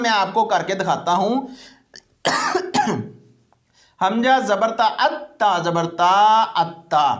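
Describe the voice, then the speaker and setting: Earnest man teaching religious pronunciation. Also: very high voice. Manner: earnest, repetitive, slowly drawn-out recitation of words. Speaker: Islamic teacher.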